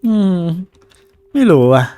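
A man giving casual, excitable gameplay commentary, swearing casually and exclaiming often. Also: slow, no echo, faint music behind. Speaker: gaming video creator. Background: faint game soundtrack.

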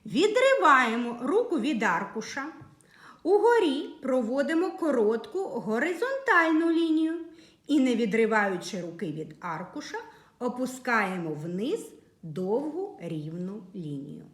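A woman teacher giving a slow, patient reading and writing lesson to young children. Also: a little high, big pitch swings, a bit bright, echoey room. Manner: slow, clear, patient dictation to young pupils. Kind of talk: early literacy lesson for children.

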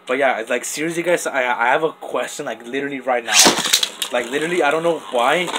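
A fast talker with a medium-pitched voice, this young toy battle host, possibly a teenager, chats off camera in a very noisy setting. His running commentary on the top battles rambles, packed with "like," "literally," and restarts.

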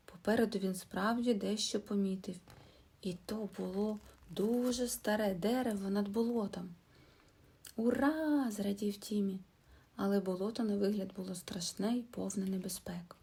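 Mellow, husky woman reading a children's tale. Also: medium pitch, moderate pace. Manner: expressive, lively character voices. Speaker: storyteller. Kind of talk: children's audio fairy tale narration.

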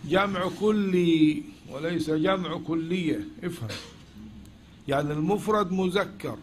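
A man's voice: on the high side, a little hiss or hum. A man with an Egyptian accent teaching a lecture, often asking questions and then answering them himself. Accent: Egyptian Arabic. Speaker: teacher of logic. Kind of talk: classroom lecture.

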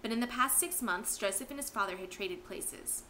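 A woman teacher reading a novel aloud at home with expressive storytelling. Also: fairly high pitch, moderate pace, slight background noise.

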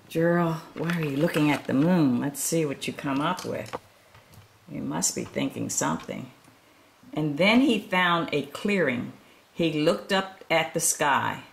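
A woman reading a children's picture book aloud, pausing to sympathize and ask the listeners questions. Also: low voice, gravelly, slight background noise. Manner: gentle, asks listeners questions; sympathetic, comments between pages. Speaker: storytime reader.

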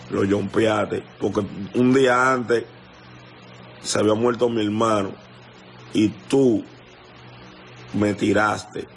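Gravelly low Dominican man ranting. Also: slight background noise. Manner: confrontational, repetitive, keeps asking "you understand?". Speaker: musician addressing a rival. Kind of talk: heated livestream rant. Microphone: phone livestream.

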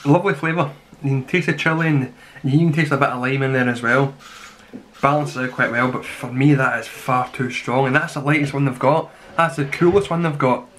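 A man in his twenties giving a rambling, casual review to camera, grumbling in a deadpan way. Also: mid-range voice, brisk. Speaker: snack reviewer. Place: small plain room indoors. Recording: clearly noisy home recording with clicks.

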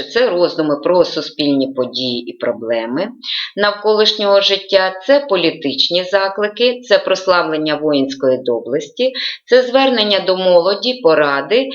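A woman teaching an online school lesson, reading from notes and often pausing to hesitate. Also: lowish voice, muffled recording. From Ukraine. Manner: reads from notes with frequent hesitations.

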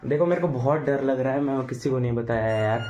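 A young man with a medium-pitched, fast voice narrates a casual vlog at home on a handheld phone camera. He's chatty and playfully teases his family.

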